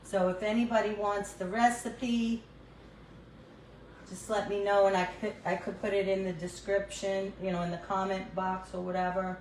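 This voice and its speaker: Recorded on a phone in her home kitchen, an older woman with a New York accent cooks live and chats with viewers, answering them along the way. She has a medium pitch and a flat delivery at normal speed, and the rough recording is reverberant with slight background noise.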